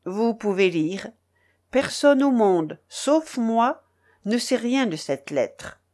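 A woman's voice: a little high, lively intonation, takes it slowly, darkish tone. Woman doing a jumpy young guy, proud and defensive, voice leaping up and down in a novel reading. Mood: eager. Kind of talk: audiobook character voice.

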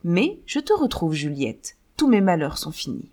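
A woman's voice: on the low side, very animated, moderate pace, darkish tone. A woman voicing an impoverished older man who insists he is the listener's father, in a read-aloud novel. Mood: reproachful.

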